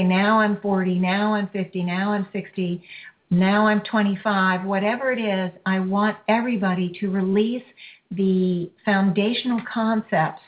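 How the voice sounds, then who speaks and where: A woman hosting a healing show, leading a caller through a release in slow, soothing, repetitive phrases. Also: medium pitch. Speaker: energy healing radio host. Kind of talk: guided healing session with a caller. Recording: phone-like lo-fi audio.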